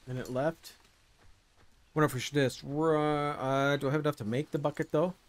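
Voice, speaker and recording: Here a streamer casually thinks out loud through a survival game, often uncertain and muttering. He speaks at a moderate pace in a steady voice on the high side.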